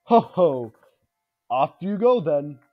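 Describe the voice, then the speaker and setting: A man's voice: on the high side, sing-song, slow pace, phone-quality sound. A man voicing a jovial, bumbling, friendly older man from a video game, in a hearty manner. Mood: jolly, friendly. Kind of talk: video game character read aloud.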